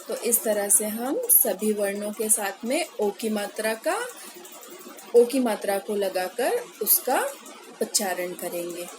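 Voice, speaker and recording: Over background noise, a woman with a fairly high voice teaches young children phonics as a primary school Hindi teacher. She stretches out and patiently repeats every word at a slow pace, often pausing to check in with the class with "है ना".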